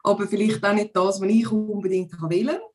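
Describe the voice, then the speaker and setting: A woman in her forties from Zurich, Switzerland, speaks with a Zurich Swiss German accent in a medium-pitched, steady, somewhat dark voice at a moderate pace. She's a podcast guest chatting casually over a video call from a room at home, using plenty of hesitant fillers.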